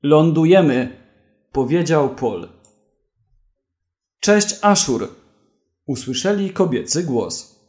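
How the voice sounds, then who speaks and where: Male audiobook narrator, slow, lively intonation. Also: a little high.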